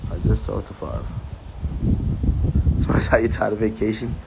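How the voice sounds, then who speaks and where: Laid-back low-voiced man, loud outdoor noise. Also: little pitch movement, brisk, gravelly. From Jamaican. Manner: loose, rambling, laughs often, lots of filler. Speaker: streamer host. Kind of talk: casual vlog chat.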